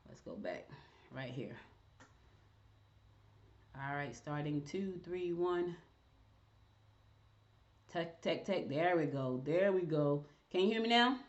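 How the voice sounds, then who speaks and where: A woman's voice: on the low side, a little mellow, dull audio. A woman hosting a casual live-stream interview, chatting to viewers as she goes. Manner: chatty, talks to viewers while fixing tech. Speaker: show host.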